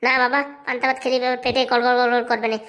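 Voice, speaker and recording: A woman's voice: a little high, little pitch movement, very fast, a bit bright, pitched below the performer's own voice, lightly acted. A woman voicing a mild, hapless young husband in a family cartoon, speaking in a placating manner. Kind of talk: cartoon voice acting.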